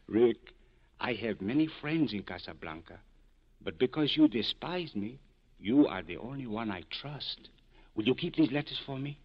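Ugarte, a swooping, shifty crook. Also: male voice, mid-range voice, lively intonation, measured pace, breathy edge. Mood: ingratiating, smug. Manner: fawning, hesitant, nervous. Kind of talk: 1940s radio acting. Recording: muffled 1940s radio broadcast recording.

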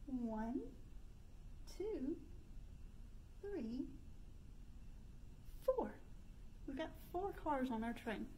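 Indoors by a stone fireplace, a thirty-something woman runs a children's storytime, posing questions to the little ones in an over-the-top sing-song manner. She has a high voice, and the low-quality recording carries constant background noise.

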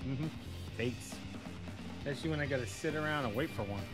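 A man's voice: mid-range voice, brisk, music in the background. A man giving casual, sarcastic gameplay commentary as a streamer. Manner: sarcastic, playful asides. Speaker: game streamer.

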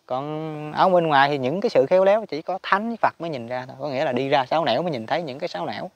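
A man's voice: fairly high pitch, rapid-fire, dry recording, lo-fi sound. Chuckling man teaching dharma. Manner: chatty, chuckles often, emphatic swings in loudness. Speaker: spiritual teacher. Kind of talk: casual Buddhist teaching talk.

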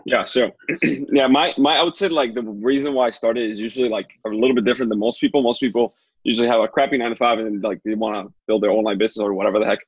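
Husky young man on a muffled call. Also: medium pitch, steady tone, no room sound. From Dominican Republic. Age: 20s. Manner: fast, chatty, lots of fillers and repeats. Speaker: guest, Instagram consultant. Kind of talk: casual interview on a video call. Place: small home room indoors. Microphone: earbuds on a video call. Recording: dull, dry call audio.

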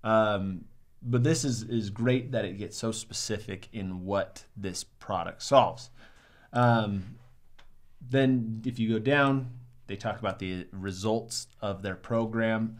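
Young guy breaking down ads at his desk, lowish voice, upbeat, says um a lot. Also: fairly even intonation, takes it slowly. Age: young adult. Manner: upbeat, many "um"s and "right?". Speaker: marketing reviewer. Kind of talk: casual ad critique to camera. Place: small bright studio, seated at desk.

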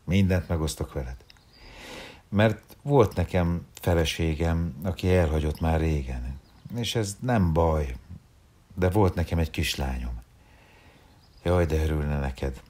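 A man doing a lonely, gentle old clown. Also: a bass voice, pauses often. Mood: tender. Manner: soft, tender, half-whispered.

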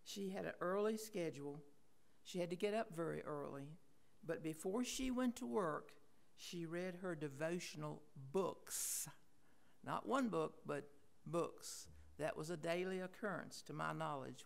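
A woman, reading a homespun, gently humorous tribute to a neighbor at a funeral in a chapel. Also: low voice, gravelly. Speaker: neighbor giving a eulogy.

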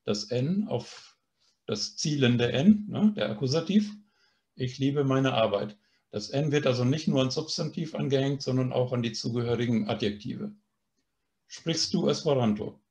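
A man's voice: medium pitch, moderate pace, darkish tone. A man teaching a language course, explaining grammar patiently and often checking in with a questioning "ne?". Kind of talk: online language lesson.

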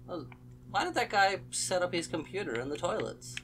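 A man's voice: sits high, very animated, normal speed, noisy background. A young man hosting a horror let's play, commenting as he goes and yelping at the scares. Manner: jumpy, exclaims and yelps at scares.

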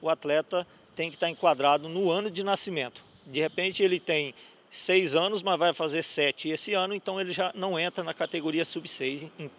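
Holding a handheld reporter mic in a sports gym, the middle-aged organizer of a youth futsal cup lays out the rules in an interview, explaining with fillers. He speaks briskly in a fairly bright, higher-leaning voice, with slight background noise.

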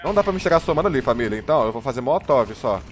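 A man's voice: medium pitch, expressive, very fast, a little hiss or hum. A man with a Brazilian Portuguese accent, giving hyped, slang-filled live commentary as he plays a shooter and calls plays to his teammates. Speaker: gaming streamer.

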